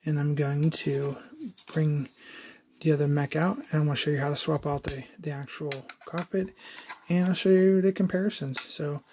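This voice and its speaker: Male collector, casual step-by-step unboxing narration, slightly higher voice, light background hiss. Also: fairly even intonation, normal speed, a little mellow. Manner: conversational, explains step by step with fillers. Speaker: toy collector reviewer.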